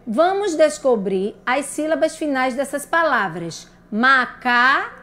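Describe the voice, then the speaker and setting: Slow, high-pitched woman teaching children. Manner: slow, sounding out syllables with rising checks. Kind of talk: children's lesson on syllables. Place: broadcast lesson for radio and video.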